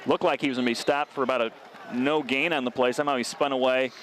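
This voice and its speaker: A man calling a local high school football game play-by-play as the regular announcer. He talks steadily and climbs sharply on scoring plays. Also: fairly even intonation, fast talker, fairly bright tone, slight background noise.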